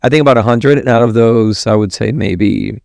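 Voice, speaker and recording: A man's voice: medium pitch, moderate pace, creaky, dry recording, clean studio sound. A man from Ecuador, a gallery director, chatting casually as a podcast guest, rambling with restarts. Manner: relaxed, rambling, with many restarts. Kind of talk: casual interview chat.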